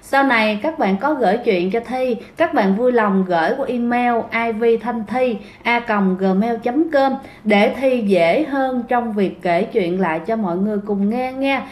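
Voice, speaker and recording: A woman's voice: on the high side, unhurried, hardly any pauses, reverberant. A woman narrating ghost stories in a chatty way, often speaking straight to her listeners. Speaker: storyteller host. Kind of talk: casual ghost story narration.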